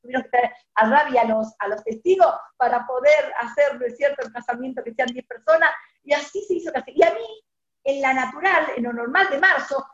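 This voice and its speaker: An older woman, telling a personal story to a women's group and acting out the dialogue in a lively way. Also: brisk, reverberant, dull audio. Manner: animated, acts out quoted dialogue with rising pitch. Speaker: community speaker.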